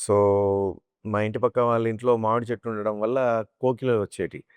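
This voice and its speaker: A man, a mimicry artist, telling animated stories about his life and slipping into imitated voices. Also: lowish voice, quick pace, clean tone, no echo. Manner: animated storyteller who slips into chanting and imitated voices. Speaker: mimicry artist, interview guest. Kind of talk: casual interview storytelling.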